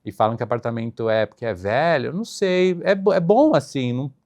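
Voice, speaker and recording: Brief: young Brazilian man, flight attendant guest, chatty and animated, mid-pitched voice. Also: fairly quick. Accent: Brazilian Portuguese. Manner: animated storyteller, laughs often. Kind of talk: casual interview chat.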